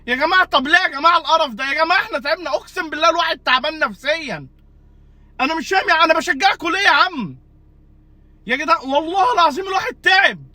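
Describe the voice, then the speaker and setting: A man with an Egyptian Arabic accent, delivering an exasperated comic rant and bursting into shouts. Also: very high-pitched, animated, racing, no room sound. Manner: exasperated, ranting, repeats "guys". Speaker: football fan comedian.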